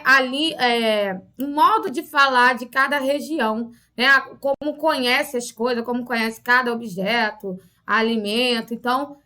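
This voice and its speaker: Bright high-pitched teacher from Rio. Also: female voice. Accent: Rio de Janeiro Portuguese. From Rio de Janeiro, Brazil. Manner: patient, explanatory, frequent tag questions. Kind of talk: recorded online class for children.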